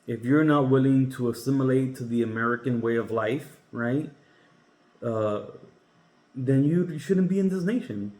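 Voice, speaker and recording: This Cuban podcast host speaks in a mid-range, darkish voice. His monologue is casual and emphatic, full of halts and restarts as he shares his opinions. There's a noticeable echo from the spacious room.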